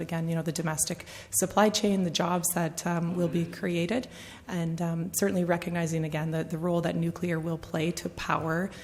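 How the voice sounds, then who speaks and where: Low-voiced woman answering committee questions, lots of ums, reverberant room. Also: a little mellow, slight background noise. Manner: polished with frequent ums. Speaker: nuclear institute presenter. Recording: long reverb in a hearing room.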